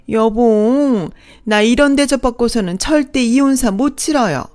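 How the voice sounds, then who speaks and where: A woman's voice: on the high side, a little mellow, voice pushed up. A woman narrator voicing a haughty, scornful middle-aged mistress who sneers and talks down to people, with faint music behind.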